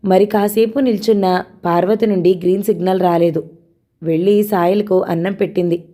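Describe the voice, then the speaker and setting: Warm-voiced woman reading a novel aloud. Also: mid-range voice, normal speed. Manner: steady, storytelling. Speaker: audio story narrator.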